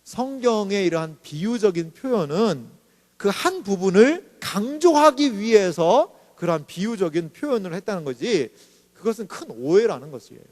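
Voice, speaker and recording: A man's voice: sits high, very animated, moderate pace, darkish tone, big-room sound. A male pastor preaching a sermon in a chatty way, often asking the congregation questions.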